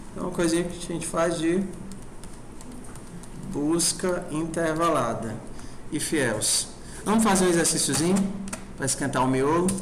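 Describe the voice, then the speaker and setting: A man with a slightly higher voice teaches a programming class, spelling things out slowly in an informal lecture. He keeps asking the students check questions as he goes. The classroom audio is roomy, with a faint hiss behind him.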